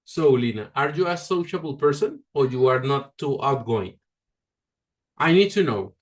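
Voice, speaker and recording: A male teacher leads an online English lesson over a video call. He is patient and encouraging, correcting pronunciation gently as he goes. His intonation is very lively, rising and falling freely through every sentence. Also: mid-range voice, normal speed.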